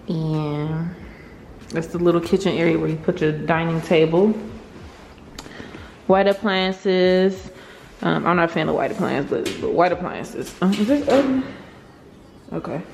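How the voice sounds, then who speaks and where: A woman's voice: lowish voice, vocal fry, a little mellow, slight background noise. Woman vlogging with big hall echo. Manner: chatty, informal, talks to viewers as "y'all". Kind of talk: casual apartment tour. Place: empty unfurnished apartment, indoors. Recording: echoey empty room with faint music.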